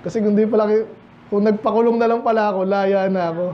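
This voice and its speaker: High-voiced Filipino preacher joking with the flock. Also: male voice, steady tone, fast talker, lo-fi sound. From Philippines. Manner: conversational, joking with the congregation. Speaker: pastor. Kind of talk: midweek Bible study sermon. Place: church.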